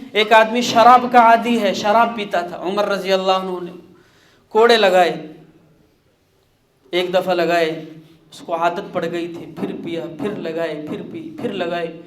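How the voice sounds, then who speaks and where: A man with a high voice delivers a storytelling sermon, dropping to a hush and then rising again as each story builds. His voice holds to a narrow melodic band, and the room adds a clear echo. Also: slight background noise. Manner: dramatic storytelling, swinging between hushed and raised passages. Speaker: preacher.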